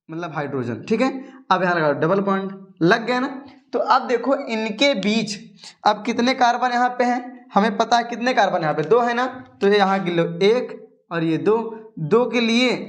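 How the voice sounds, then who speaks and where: High-voiced teacher quizzing his class. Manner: chatty, coaxing, asks students questions and answers them himself. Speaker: chemistry teacher. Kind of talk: casual coaching lesson at a board.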